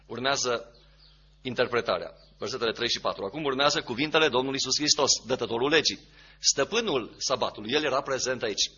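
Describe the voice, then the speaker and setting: A man's voice: mid-range voice, pushed and bright, husky, highs cut off. A man preaching a sermon, emphatic, repeating key phrases and asking rhetorical questions.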